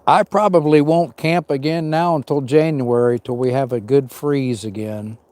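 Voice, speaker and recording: Out in the cold woods, a man from Arizona hosts a camping livestream, sniffling as he chats with viewers and greets them by name on a small mic worn on him. His medium-pitched, darkish voice moves at a moderate pace with no room sound.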